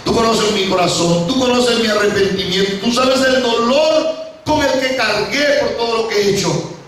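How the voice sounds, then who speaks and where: A man's voice: extremely high pitch, normal speed, fairly bright tone, a little hiss or hum, pitched above the performer's own voice. A man acting out a grieving, pleading repentant male apostle in a raised voice, in an echoey hall from far off. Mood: tearful.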